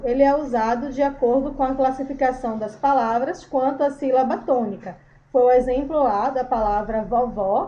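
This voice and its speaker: A woman's voice: a little high, mellow. A woman teacher giving a recorded grammar lesson, explaining patiently and calling her students by affectionate names. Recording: dull lo-fi recording.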